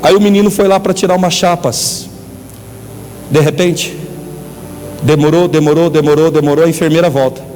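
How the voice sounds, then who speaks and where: High-voiced Brazilian preacher in a hall. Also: male voice, moderate pace, pauses often. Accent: Brazilian Portuguese. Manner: animated preaching, calls on the congregation to respond. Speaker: pastor. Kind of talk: sermon. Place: church. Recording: church hall reverb, faint music.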